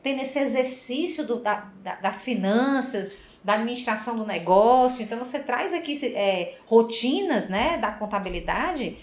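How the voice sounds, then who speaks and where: A woman's voice: on the high side, lively intonation, moderate pace, few pauses, reverberant. A woman hosting a podcast interview, thanking her guest effusively and adding frequent "né?" tags. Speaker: podcast host. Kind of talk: casual interview chat.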